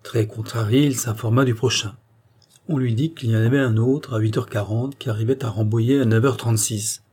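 Dark, husky male audiobook narrator. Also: medium pitch, steady tone, brisk. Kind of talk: scripted narration.

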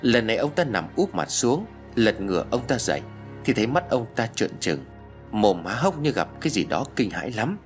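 A man narrating a first-person ghost story in an expressive reading. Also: fairly low pitch, moderate pace, faint music behind.

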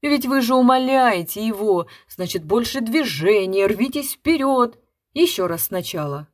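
A woman voicing an impatient male theater director who barks orders at rehearsal, loud and demanding. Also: on the low side, sing-song, a little slow, no echo, studio quality.

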